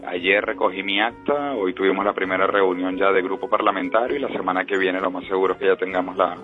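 A Venezuelan-born politician speaks as a radio guest in a measured, earnest way. His voice is very low. He comes through a tinny phone line with faint music behind. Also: steady tone. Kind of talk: radio interview.

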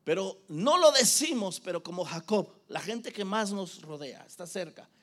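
Man, pastor, high voice, sermon, dramatic, whisper-to-shout swings. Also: expressive, normal speed. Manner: acts out the voices of the people he quotes.

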